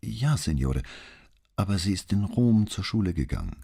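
A male reader voicing a quiet, grieving young female student who answers softly and hesitantly. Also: low voice, sing-song, normal speed, creaky, husky, voice pushed up, full character voice. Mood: subdued. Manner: soft, barely audible, hesitant.

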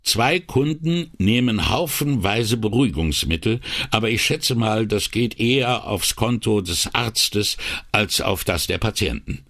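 A man's voice: on the low side, animated, unhurried, a bit bright, no echo, voice pushed up, full character voice. A man voicing a wry veteran police inspector who makes dry, sardonic remarks. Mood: matter-of-fact.

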